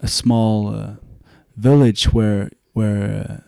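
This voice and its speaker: Brief: Swedish-accented young man, mellow and dry, easygoing guest who trails off into fillers. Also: fairly low pitch, creaky, smooth, no echo. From Sweden. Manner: relaxed, halting, many "you know" fillers. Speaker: guest, dancer and musician. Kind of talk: casual interview conversation.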